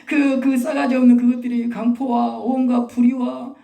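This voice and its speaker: Pastor preaching, gravelly edge, rambling and folksy with sudden shouts, distant mic in an echoey church. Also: high-pitched, flat delivery, normal speed. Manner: folksy, repeats himself, chuckles often, bursts into shouts. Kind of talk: sermon. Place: church sanctuary.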